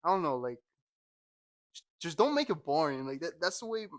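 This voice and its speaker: A young man co-hosting a podcast, chatting casually and swearing freely in animated bursts. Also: on the high side, moderate pace. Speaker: podcast co-host. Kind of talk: casual chat.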